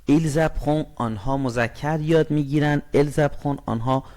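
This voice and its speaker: Slow, careful Persian-speaking man teaching. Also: a little high, darkish tone. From Iran. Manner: reads example sentences very slowly and clearly, then explains. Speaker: language teacher. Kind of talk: lesson explanation.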